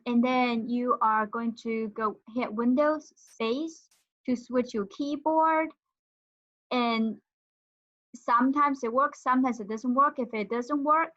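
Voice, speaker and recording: A woman's voice: fairly high pitch, fairly bright tone. A woman giving a casual tutorial demonstration, thinking aloud with some hesitation. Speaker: instructor. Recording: dull lo-fi audio.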